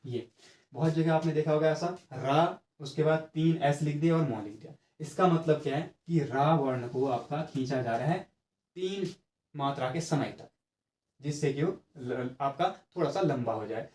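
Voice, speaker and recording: Guy teaching grammar for exams, mellow voice, drawls sounds out to show them, echoey room. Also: a little high, normal speed. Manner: explains step by step, often checks with "ठीक है"; stretches sounds to demonstrate them. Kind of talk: exam-prep grammar lesson.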